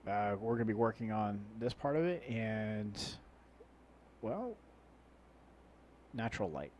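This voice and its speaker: Male let's play host, lowish nasal voice, rambling and muttering casually, cheap mic with faint chopper-like noise. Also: very animated, unhurried, lo-fi sound. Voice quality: nasal, congested-sounding. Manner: rambling, muttering to himself while playing. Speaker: gaming video host. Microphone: low-quality microphone. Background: helicopter-like equipment noise.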